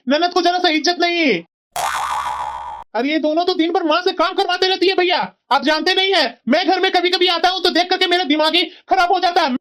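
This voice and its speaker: A woman's voice: extremely high pitch, noisy background. A woman voicing a hot-headed young man, a younger brother-in-law in a cartoon family drama, making heated accusations.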